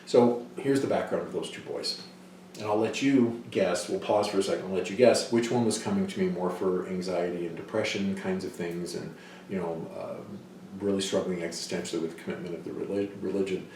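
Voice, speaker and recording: A man's voice: low-pitched, a little hiss or hum. Man lecturing in a very echoey hall. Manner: storytelling, acts out quoted voices loudly. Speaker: psychology lecturer. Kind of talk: lecture with case stories. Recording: distant mic in a very echoey hall.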